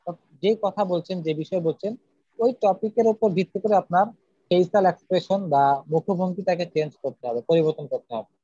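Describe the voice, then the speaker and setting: With a high-pitched, dark and slightly rough voice, a Bangladeshi man delivers a public speaking lesson, moving earnestly and methodically through numbered points. There's no room sound, and the recording is dry and slightly dull.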